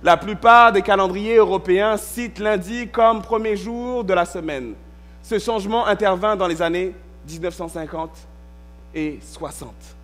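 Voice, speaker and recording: A man's voice: sits high, unhurried, fairly bright tone. A male pastor giving a sermon in a church, reading a passage and then walking listeners through it point by point, checking in with a frequent "ok". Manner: reads scripture, then explains step by step with frequent "ok".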